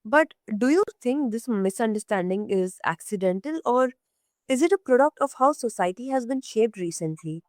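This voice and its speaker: Woman host reading smooth questions, a bit high pitched, dry sound. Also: animated, a little mellow, no room sound. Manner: polished, measured, written-sounding phrasing. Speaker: interview host. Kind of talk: scripted interview questions.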